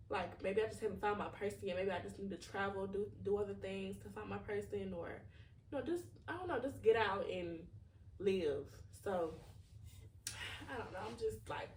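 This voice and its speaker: A woman's voice: medium pitch, a little mellow, far from the mic, slight background noise. A woman, hosting a podcast and talking through her feelings in a candid, rambling way, full of "like" fillers. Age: 20s. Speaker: podcast host. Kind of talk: reflective personal monologue. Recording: roomy echo, voice from off-mic.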